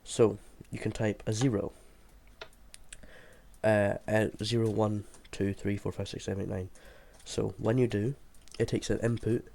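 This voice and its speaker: Sick sounding guy, low n croaky, kinda unsure walking thru his game build, bit of noise and clicking. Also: little pitch movement, unhurried, a little mellow. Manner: hesitant, thinking aloud as he explains. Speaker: video creator explaining a game build. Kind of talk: informal tutorial commentary over gameplay. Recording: clear background noise, mouse and keyboard clicks.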